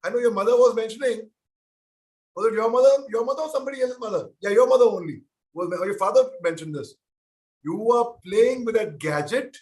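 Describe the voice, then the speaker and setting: High-voiced man teasing kids on a video call. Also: fairly quick, darkish tone. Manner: playful, teasing, talks directly to the kids. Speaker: guest answering children's questions. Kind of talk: playful webinar Q&A with children.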